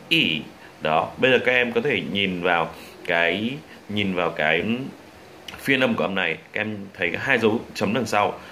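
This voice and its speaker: Deep-voiced Vietnamese male English teacher. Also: fairly bright tone, slight background noise. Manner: demonstrates sounds slowly and repeats drill words. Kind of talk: teaching a pronunciation lesson.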